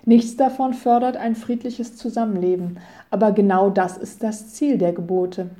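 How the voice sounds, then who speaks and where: Middle-aged woman preacher, deep mellow warmth, calm measured sermon delivery. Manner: calm, measured reading with solemn scripture quotes. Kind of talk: scripted radio devotion.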